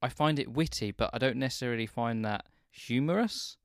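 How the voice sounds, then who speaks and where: A man's voice: mid-range voice, fairly quick, no room sound, clean studio sound. A man co-hosting a casual film chat, thoughtful and hesitant, often restarting his sentences. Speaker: film podcast co-host.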